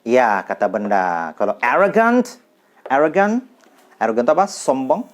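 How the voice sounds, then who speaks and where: Lively man teaching English. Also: mid-range voice, highs cut off. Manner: lively, repeats example sentences slowly and clearly. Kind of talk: casual classroom explanation.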